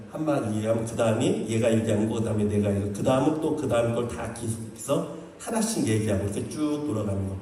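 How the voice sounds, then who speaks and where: A male pastor preaching a sermon in an animated way, sometimes quoting God in a fatherly voice. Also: medium pitch. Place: church sanctuary. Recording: echoey church sanctuary, mic at a distance.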